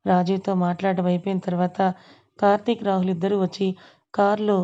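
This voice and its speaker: A woman narrating a serialized story aloud, reading the characters' dialogue in a steady, even way. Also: medium pitch, brisk, lo-fi sound.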